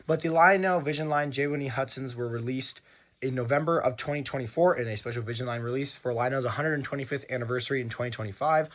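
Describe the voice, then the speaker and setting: A man with a scratchy, hoarse voice, giving an enthusiastic casual review of a model train and stumbling over his words now and then. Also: medium pitch, fast, fairly bright tone. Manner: enthusiastic, with frequent fillers and restarts.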